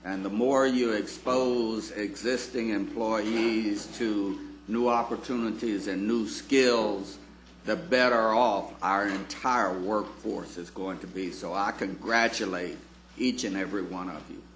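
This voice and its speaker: A man giving earnest, deliberate, formal congratulatory remarks at a public meeting. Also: on the low side, steady tone. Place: indoor government meeting chamber. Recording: echoey room with faint noise.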